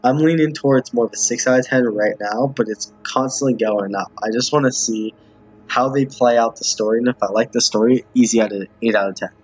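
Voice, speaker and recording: Over soft background music, a man with a husky mid-range voice speaks fairly quickly while streaming a visual novel for viewers. He offers casual commentary and reads dialogue aloud, frequently stumbling or repeating lines, in a muffled and roomy home recording.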